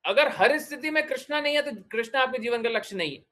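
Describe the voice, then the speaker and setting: A man's voice: extremely high pitch, expressive, fast, pushed and bright. A man giving a devotional discourse, exhorting his listeners with repeated short commands and questions. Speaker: spiritual teacher.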